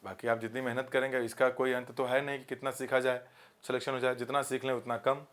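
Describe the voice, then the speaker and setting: With a medium pitch, fairly bright tone, and flat delivery, a Hindi-speaking male teacher leads an exam-prep grammar lesson. He mixes English into his Hindi explanations and reads the examples slowly.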